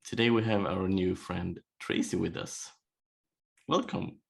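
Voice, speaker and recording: A man hosting a casual interview, speaking haltingly with many hesitations and repeated false starts. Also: sits low, gravelly, husky. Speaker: podcast host.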